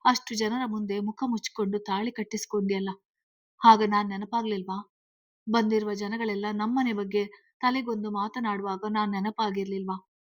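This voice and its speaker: A woman's voice: medium pitch, level tone, normal speed, no echo, clean studio sound, close to an everyday voice. A woman voicing a hurt middle-aged mother who scolds her daughter in a grieving, reproachful way.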